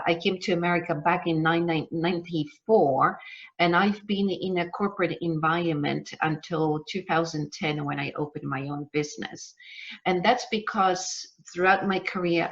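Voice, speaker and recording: A woman's voice: deep voice, vocal fry. A middle-aged woman from Poland with a Polish accent, a business coach leading a live online masterclass, talking with many ums and uhs. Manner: hesitant, many fillers. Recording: dull lo-fi sound.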